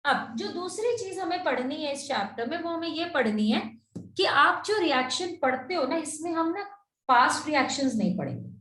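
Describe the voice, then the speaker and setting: A woman with a high voice teaches chemistry in a lecture style, switching between Hindi and English and often asking whether her students follow. She is recorded from some distance in an echoey room. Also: big pitch swings, normal speed, a bit bright. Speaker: chemistry tutor. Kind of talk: classroom lecture.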